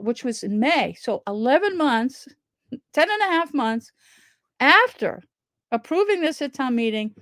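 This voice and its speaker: Promoting a town petition from her home, a middle-aged woman speaks directly to camera in a casual, earnest ramble, frequently starting sentences over. She has a fairly high voice, captured with studio quality and no echo.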